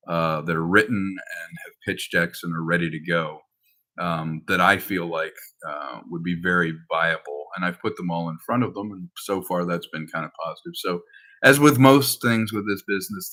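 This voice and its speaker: A bright, low-voiced film director and screenwriter chats casually at a moderate pace about his projects. He rambles through anecdotes and acts out quoted dialogue along the way.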